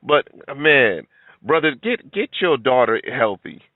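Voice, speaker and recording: Speaking slowly, a middle-aged man hosts a commentary video, delivering blunt reactions and preaching at his viewers. His pitch is medium but swings widely. The audio has a tinny, telephone quality and no room reverberation.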